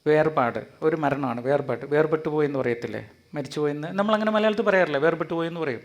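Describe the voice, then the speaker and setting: A man preaching an animated sermon in a hall before a live audience, calling on listeners to answer aloud. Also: on the high side, fast talker, dull audio. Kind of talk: lively sermon with audience interaction.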